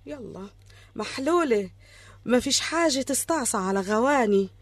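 An actress with an Egyptian accent playing a brash, flattering veteran wedding dancer who talks in a showy, flirtatious way. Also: female voice, on the high side, moderate pace, no echo. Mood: scheming.

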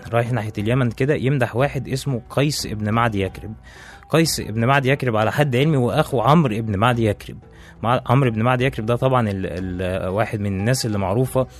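A man with an Egyptian accent tells an old tale in a chatty, casual way at a very fast clip, restarting phrases and turning to the listener with asides. His voice is mid-pitched, and soft music plays faintly behind him. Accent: Egyptian Arabic. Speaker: storyteller. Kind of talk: casual storytelling.

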